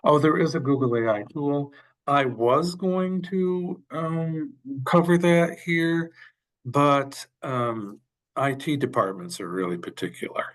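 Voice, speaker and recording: A man giving a workshop over a video call, answering questions with halting speech and frequent fillers. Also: fairly high pitch, fairly bright tone. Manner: halting, many fillers and restarts. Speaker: workshop presenter. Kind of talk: webinar Q&A.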